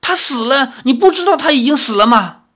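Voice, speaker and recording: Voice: mid-range voice, very animated, fairly quick, a bit bright. A narrator voicing a young girl who pleads tearfully with the hero in a read-aloud novel. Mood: crying out.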